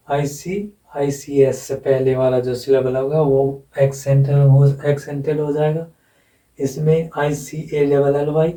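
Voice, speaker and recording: A man's voice: fairly high pitch, warm tone. A man teaching phonetics, explaining step by step, repeating words and spelling them out letter by letter. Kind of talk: blackboard lesson explanation. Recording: echoey room, voice from a distance.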